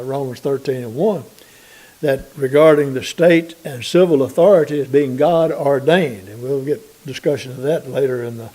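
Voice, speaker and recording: An American man preaching a sermon, reading scripture aloud and slowing down deliberately to stress key points. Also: medium pitch, mellow, rough recording. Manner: deliberate, slows for emphasis, reads scripture aloud.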